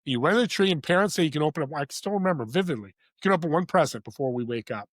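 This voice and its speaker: A man's voice: on the high side, very fast, dry recording. Heartfelt motivational man, dry close sound. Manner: animated and heartfelt, swings between loud emphasis and quiet, hushed moments. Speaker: podcast guest and podcast host. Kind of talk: earnest motivational storytelling.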